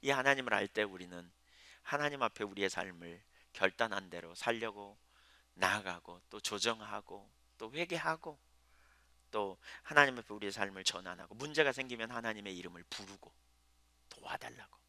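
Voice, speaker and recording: A man's voice: lowish voice, animated, normal speed, pushed and bright, dry recording. A male pastor preaching a sermon in a conversational way, asking his listeners questions, letting his voice swell and then drop almost to a whisper.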